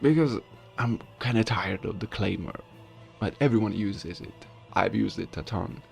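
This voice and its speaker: Soft music plays behind a man with a lowish, gravelly voice speaking at normal speed. He is a video creator and amateur voice actor offering relaxed commentary to his audience on a game voice-acting challenge.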